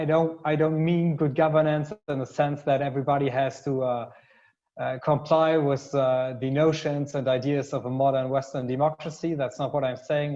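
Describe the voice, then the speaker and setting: A man's voice: medium pitch, a little mellow, highs cut off. A man speaking as a panelist in a webinar, hesitant, with many fillers and restarts. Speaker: panelist, consultancy CEO.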